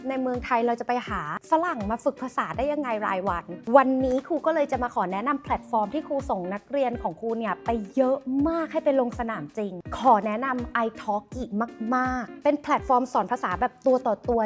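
A woman's voice: a little high, fairly quick, few pauses, soft background music. A woman English teacher talking casually and enthusiastically about a language platform. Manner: bubbly and enthusiastic. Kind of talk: casual sponsored lesson talk.

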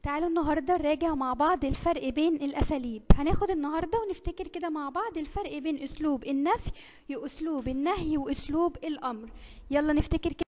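Egyptian lady teacher, high voice, talks fast, asks the kids lots of questions, echoey room. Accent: Egyptian Arabic. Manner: warm, coaxing teacher tone with many rhetorical questions. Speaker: primary school teacher. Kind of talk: recorded online lesson for children.

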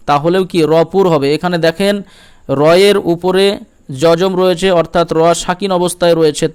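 Male Quran reading tutor from India, slightly high, smooth clear voice, patient step-by-step drills. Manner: repeats rules, asks "ঠিক আছে?" and demonstrates sounds. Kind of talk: step-by-step recitation lesson.

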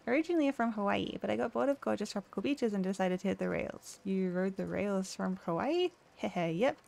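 A woman's voice: mid-range voice, expressive, fairly quick, creaky, a little mellow. A woman voicing a cheerful, easygoing drifter man with a folksy drawl. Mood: joking.

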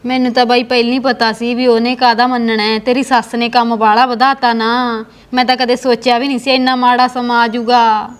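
A woman's voice: a little high, level tone, brisk, close to an everyday voice. A woman playing a worried, caring sister. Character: concerned married sister, practical and caring. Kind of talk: village family drama acting.

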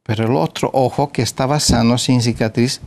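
In an interview, a middle-aged plastic surgeon recounts a story from his career, reenacting the conversations. His voice is medium-pitched, steady, brisk and a little mellow, with hesitant filler sounds.

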